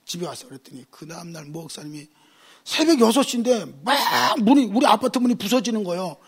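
A male pastor delivers a sermon with humorous stories. His voice sits fairly high and carries a husky edge. He hammers his points home by repeating key phrases. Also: lively intonation, fairly quick. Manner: humorous storytelling preacher, emphatic repetition.

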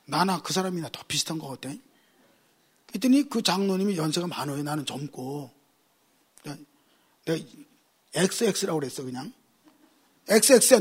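A man's voice: high voice, husky. A male pastor preaching a sermon, telling humorous stories and driving points home with emphatic repetition.

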